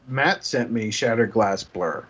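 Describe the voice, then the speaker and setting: A man's voice: lowish voice, a little slow, crowd noise. A man chatting casually about toy collecting, joking around and slipping into goofy voices. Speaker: podcast co-host. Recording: muffled lo-fi sound.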